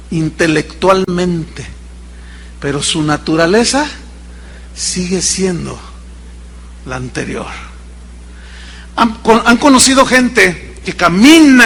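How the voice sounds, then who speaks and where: A man preaching a sermon as pastor, telling a story with emphatic pauses and a pace that speeds up and slows down. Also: high-pitched, fairly bright tone, long reverb tail, slight background noise. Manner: storytelling preacher, shifting between quick and slow, emphatic pauses. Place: church sanctuary.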